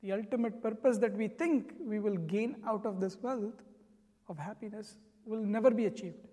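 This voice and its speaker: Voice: medium pitch, moderate pace, dark tone. A spiritual teacher giving an earnest, explanatory sermon. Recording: long reverb.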